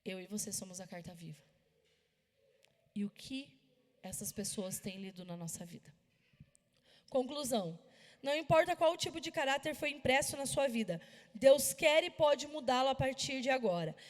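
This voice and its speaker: A Brazilian woman preaching a sermon in an animated storytelling manner, with sudden loud bursts. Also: sits high, moderate pace, long pauses, long reverb tail. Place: church hall.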